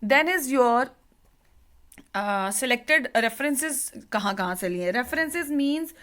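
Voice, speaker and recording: A woman teacher educator giving a lecture on lesson planning, explaining step by step in a mix of Hindi and English with frequent pauses. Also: a little high, expressive, fairly bright tone. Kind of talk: classroom lecture.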